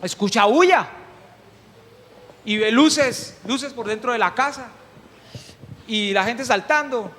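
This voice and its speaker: A man preaching a sermon, animated and humorous, often putting questions to the congregation. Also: extremely high pitch, slow, pauses often. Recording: long hall reverb.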